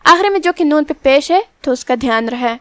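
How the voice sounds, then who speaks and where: High-voiced woman teaching tajweed. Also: lively intonation, fairly bright tone, no echo. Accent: Pakistani Urdu. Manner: measured, instructive, stretches out recited words. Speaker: Quran recitation teacher. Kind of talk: tajweed lesson, explaining rules word by word.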